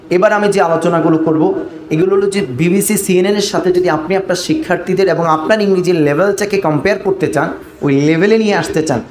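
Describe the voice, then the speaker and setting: A man's voice: sits high, a little mellow. A man teaching English pronunciation to a workshop of teachers, drilling words and repeating his points emphatically. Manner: drills words aloud and has the audience repeat them. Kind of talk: workshop lecture. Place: workshop hall with an audience. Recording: echoey hall with audience.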